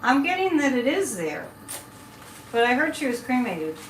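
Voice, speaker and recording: A woman's voice: high-pitched, very animated, moderate pace. A woman hosting a casual live psychic chat, rambling and breaking off mid-thought as she talks to viewers. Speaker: live show host and psychic. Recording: echoey room, distant mic, faint noise.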